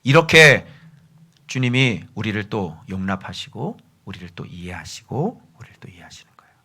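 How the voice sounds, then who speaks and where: A man preaching a sermon as a pastor. He fires rhetorical questions at his listeners, rising to shouted rebukes and then dropping to hushed, near-whispered lines. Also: sits low, animated, a little fast, breathy edge. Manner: rhetorical questions aimed at the congregation.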